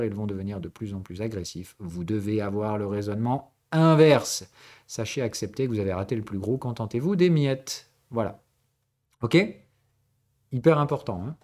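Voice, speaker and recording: A man's voice: lowish voice, a little mellow. A man from southern France teaching a live trading lesson. He talks casually and keeps checking in with "okay?" and "right?" as he explains. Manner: conversational tutoring, mixing formal and familiar address. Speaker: trading instructor and stream host. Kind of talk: live-streamed trading lesson, answering chat.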